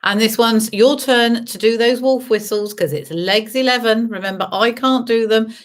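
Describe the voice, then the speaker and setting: A woman's voice: on the high side, normal speed. A woman working as a bingo caller, hosting an online game with sing-song, repeated number calls and chatty, teasing asides to the players. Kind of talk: bingo calling with traditional rhyming number calls and chat to players.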